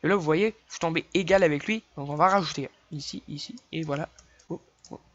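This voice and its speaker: A young man with a Québécois French accent, chatting casually through a game tutorial, counting his clicks aloud and apologizing quickly for slips. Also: fairly high pitch, fairly bright tone, no echo. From Quebec. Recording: dull lo-fi dry home mic.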